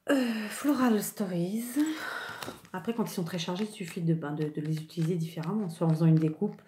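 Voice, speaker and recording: A woman showing off a shopping haul in casual chat, thinking aloud and often trailing off softly. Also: lowish voice. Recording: echoey room with loud background noise.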